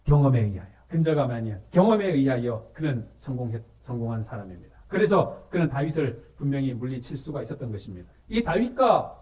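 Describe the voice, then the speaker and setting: A man's voice: mid-range voice, very animated, fairly quick, hardly any pauses, warm tone, distant mic. A male pastor preaching a sermon to his congregation, asking them questions and repeating key words for emphasis. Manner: call-and-response questions to the congregation.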